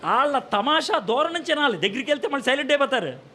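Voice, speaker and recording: A man preaches a sermon in a high, sharp voice, asking his listeners questions and answering them himself. He now and then acts out short exchanges with humor. A faint hiss sits under the recording. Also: sing-song, quick pace.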